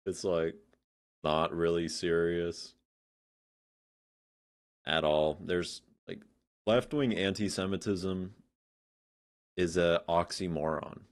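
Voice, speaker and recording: A man's voice: low voice, steady tone, slow pace, pauses often. A man giving blunt, sarcastic reaction commentary, swearing freely and scattering fillers as he talks. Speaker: commentary streamer.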